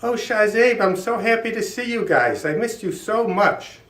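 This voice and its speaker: Affectionate old grandma read by a man, gushing storybook style, raised pitch, roomy distant recording. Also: animated, normal speed, fairly bright tone. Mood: delighted. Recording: roomy echo, distant from mic.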